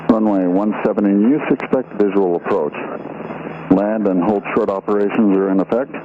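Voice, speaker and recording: A man giving a recorded airport weather broadcast over aircraft radio, in a steady recited readout. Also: fairly low pitch, moderate pace. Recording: tinny radio transmission with faint hiss.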